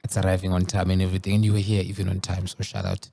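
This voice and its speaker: Interview host, man, low gravelly voice, chatty and repetitive. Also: very fast, a little hiss or hum. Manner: chatty, repeats words, lively interjections. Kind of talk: casual interview.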